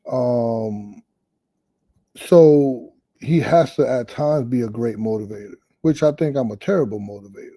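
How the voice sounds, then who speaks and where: A middle-aged man speaking as a boxing coach, with a gravelly edge to his mid-range voice. He talks loosely and frankly, cursing casually. The sound is dry and close. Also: medium pitch, a little slow, dark tone, no echo, poor audio. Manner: loose and candid, swears, laughs easily. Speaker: boxing head trainer. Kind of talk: casual interview answers.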